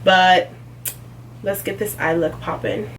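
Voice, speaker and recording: A woman's voice: fairly low pitch, steady tone, slow pace, a bit bright. Chatty young woman vlogger, slightly distant. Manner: chatty, lots of "like" and "um". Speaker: beauty vlogger. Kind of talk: casual unboxing chat. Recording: slightly distant, faint background noise.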